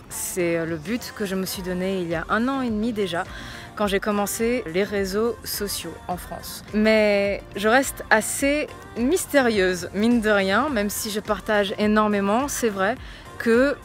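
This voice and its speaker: In a talkative vlog, a fitness coach from northern Portugal, young and lightly accented, recounts her own experiences. Fillers crop up often, and her pitch stays in the medium range.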